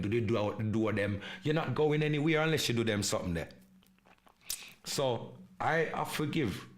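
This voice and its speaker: An English-born man with a Jamaican Patois-inflected English accent, hosting a live podcast in an emphatic, repetitive monologue that mixes in patois slang. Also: on the low side. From England. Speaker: podcast host.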